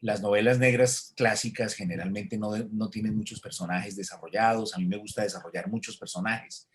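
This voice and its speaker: Reflective, low-voiced man. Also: fairly even intonation, a little fast. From Colombia. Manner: reflective, many hesitations and restarts. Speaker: author, interviewee. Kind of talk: thoughtful conversational answer.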